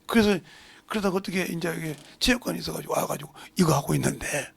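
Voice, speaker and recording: A man in his sixties, a pastor preaching a sermon, who swings between hushed asides and loud emphatic preaching. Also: a little high, fast talker. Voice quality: gravelly, husky voice.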